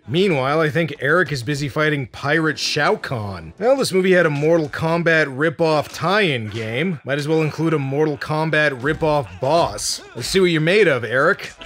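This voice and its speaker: A man's voice: fairly high pitch, a bit bright. A man giving scripted comedic commentary as a review host, with a sarcastic, wisecracking delivery.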